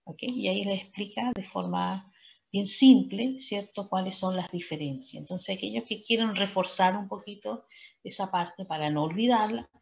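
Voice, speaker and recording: A woman's voice: medium pitch, moderate pace, vocal fry, dull audio. A woman teaching an online English class, checking in with "¿cierto?" and "¿ok?" after nearly every phrase. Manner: peppers speech with "¿cierto?" and "¿ok?".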